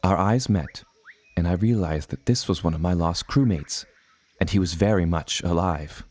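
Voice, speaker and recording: Performing scripted storybook narration, an actor plays a seafaring adventurer who earnestly relates his tale in formal, old-fashioned speech. He talks at a normal speed in a low, darkish voice.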